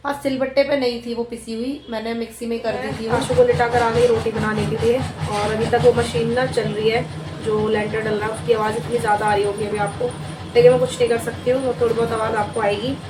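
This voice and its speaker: A woman's voice: a little high, flat delivery, noisy background. Chatty woman vlogging at home. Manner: chatty, talks softly and slowly so a sleeping baby stays asleep. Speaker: vlogger, mother. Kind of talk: casual home vlog. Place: home, indoors and yard.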